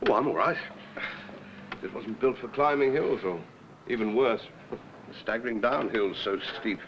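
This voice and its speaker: An actor playing a wry senior British detective in a 1970s television drama, speaking in a clipped, dryly authoritative way. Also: male voice, mid-range voice, normal speed, natural voice. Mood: dry, teasing. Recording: dull, noisy 1970s television location sound.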